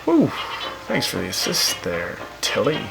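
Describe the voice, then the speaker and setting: A man's voice: lowish voice, measured pace, vocal fry, exaggerated voice, rough recording. A man voicing a brash, opinionated radio host who teases his guests and makes swaggering speeches, in a fan radio drama. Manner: swaggering, teasing, lively jokes and speeches. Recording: music playing behind.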